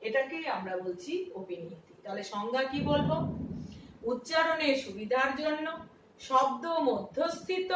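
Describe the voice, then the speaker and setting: Heard from afar in an echoey room with a little background noise, a woman teacher works through a lesson step by step, posing questions and then answering them. Her voice is high-pitched and fairly bright.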